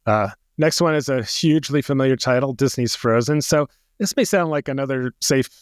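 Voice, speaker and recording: A man's voice: mid-range voice, fairly quick, clean tone, dry recording, studio quality. A man co-hosting a theater podcast, talking casually and hesitantly, often repeating words as he goes. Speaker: podcast co-host.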